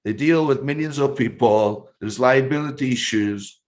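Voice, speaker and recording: Male podcast host, mid pitch, earnest advice-giver, repeats himself for emphasis. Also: moderate pace. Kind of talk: interview, giving advice.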